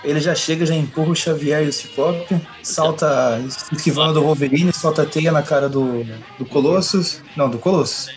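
A man's voice: on the high side, normal speed, few pauses, soft background music. Man recounting comic scenes on a podcast. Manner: narrates comic scenes, laughs along. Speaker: podcast co-host. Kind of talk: casual comic book review chat.

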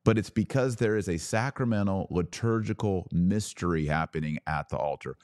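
Speaking at normal speed in a low-pitched, darkish voice, a man addresses his audience directly on his opinionated religious podcast. He's emphatic and preachy, given to rhetorical questions and asides, and the recording is dry and studio-clean.

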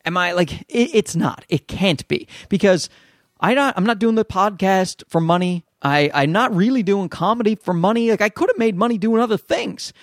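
A man with a Newfoundland accent and a noticeably high voice, recorded close and dry. He hosts a casual solo podcast, rambling along in a self-deprecating, sweary way. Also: animated, moderate pace, no room sound. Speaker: podcast host and amateur comedian.

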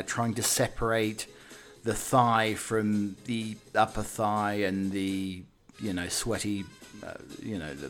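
A podcast host delivers a casual, wry monologue in a mid-range voice, poking fun at himself with mock-dramatic flair. He often stumbles and repeats his words.

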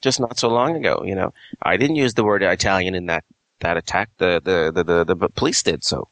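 Male co-host, lowish voice, rambling casual storyteller, dry call audio. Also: brisk, a bit bright, no echo. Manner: rambling storyteller with many fillers and restarts. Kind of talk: casual chat. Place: Quebec home over a call. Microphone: internet call audio.

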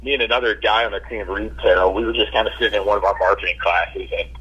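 A man's voice: on the low side, steady tone, rapid-fire, sharp tone, husky. A young man, a college football player, giving easygoing, casual interview answers over the phone and saying "you know" a lot. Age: young adult. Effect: heard over the phone. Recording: muffled phone line.

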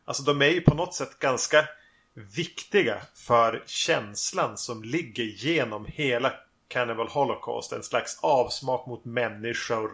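A man co-hosting a podcast, speaking thoughtfully about a film, with a gravelly edge and hesitant fillers. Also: medium pitch, fairly bright tone. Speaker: podcast co-host. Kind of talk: casual film discussion.

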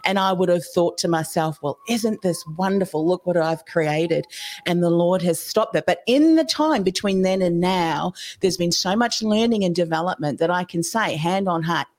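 A woman's voice: lowish voice, normal speed, few pauses. A woman hosting a podcast, talking in a reflective way and searching for her words. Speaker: podcast host. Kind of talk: casual interview chat.

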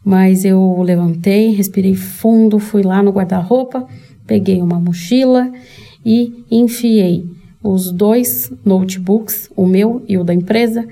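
A woman's voice: mid-range voice, steady tone, takes it slowly, dark tone. A Brazilian woman hosting her own channel, telling a personal story candidly and with emotion, speaking straight to her viewers. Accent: Brazilian Portuguese. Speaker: channel host.

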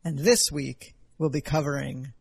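Man with creaky vocal fry. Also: mid-range voice, fairly even intonation, measured pace, no echo. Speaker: podcast host. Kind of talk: casual literary podcast chat.

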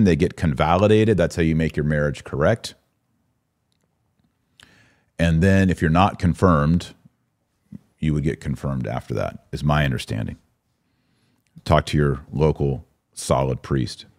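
Pausing often at a measured pace, an American man with a low, darkish voice hosts a live-stream. As a podcast host and religious commentator, he responds to comments conversationally, gives his opinions, and asks rhetorical questions.

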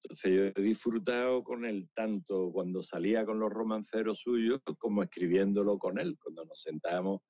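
Chatty low-voiced man. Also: normal speed, few pauses, no echo. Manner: chatty and animated, laughing through anecdotes. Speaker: romancero performer. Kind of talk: casual interview storytelling. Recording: slightly dull, dry radio recording.

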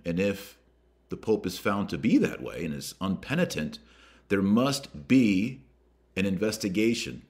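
An American podcast host with a voice that sits low reads and comments deliberately, giving emphatic weight to key words and names.

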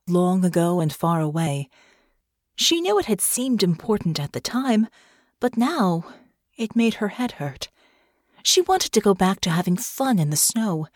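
A woman narrating an audiobook in a measured storytelling manner on a close mic. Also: medium pitch, no echo. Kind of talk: scripted narration.

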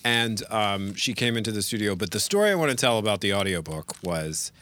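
A man co-hosting a casual podcast chat, an animated storyteller who jumps up in pitch to act out quotes. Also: a little fast. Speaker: podcast co-host and audiobook narrator.

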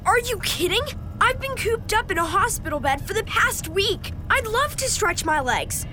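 Cartoon kid patient: extremely high, lively swings, sarcastic and questioning, plucky. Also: female voice, moderate pace. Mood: indignant, sarcastic. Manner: wry, questioning. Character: sarcastic, sceptical child patient, curious and plucky. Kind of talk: educational cartoon character acting.

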